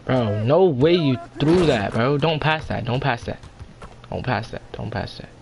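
A young man with a frat-bro manner barks casual callouts to his gaming teammates, slangy and exasperated. His voice sits at an average pitch, with some background noise behind it. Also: animated, measured pace, vocal fry. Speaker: online basketball gamer. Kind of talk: casual in-game team chat.

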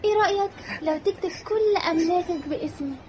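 A woman's voice: extremely high pitch, fast, a little mellow, faint music behind. A woman playing a wheedling scheming young wife. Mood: coaxing. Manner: coaxing, wheedling. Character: scheming young wife coaxing her husband.

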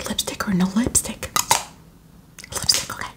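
A woman doing a whispered role-play as a hurried helper getting the listener ready, in fast ASMR whispering with short words repeated in quick runs.

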